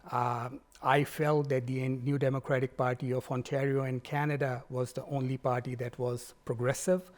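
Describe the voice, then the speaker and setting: A man speaks as a guest candidate. His delivery is measured and formal, and he tells his story steadily at a middle pitch. He answers questions in a plain, unhurried interview manner. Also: little pitch movement. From Pakistan.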